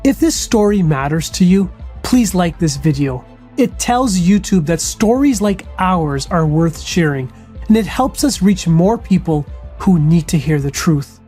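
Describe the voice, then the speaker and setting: A woman narrates a scripted documentary with a measured, solemn delivery. Her voice is on the low side and mellow, with music running softly underneath. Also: lively intonation.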